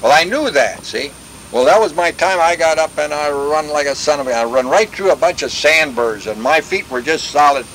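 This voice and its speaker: An older veteran telling war stories in a rambling, folksy way, full of restarts and sound effects. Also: male voice, fairly high pitch, expressive, normal speed, a bit bright, a little hiss or hum, low-quality recording. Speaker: veteran interviewee. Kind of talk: oral history war reminiscence.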